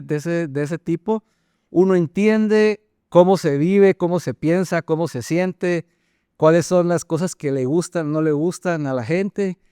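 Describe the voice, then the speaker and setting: An older man from Colombia with a Colombian accent, a company general manager answering interview questions thoughtfully, often pausing and repeating words. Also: fairly high pitch, a little mellow, smooth, no room sound, clean studio sound. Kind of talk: conversational interview.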